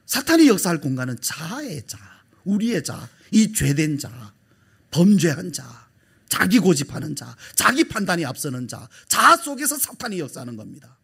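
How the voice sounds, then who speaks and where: A middle-aged male pastor preaching a sermon, his voice husky and a little breathy. He sits fairly high for a man and swings widely in pitch, acting out quoted lines and dropping to hushed whispers. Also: sing-song, normal speed.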